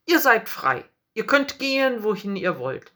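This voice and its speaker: Stern angry priests, a lady voices them, raised and higher, bright, storybook reading. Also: big pitch swings, measured pace, full character voice. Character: stern angry temple priests, older men.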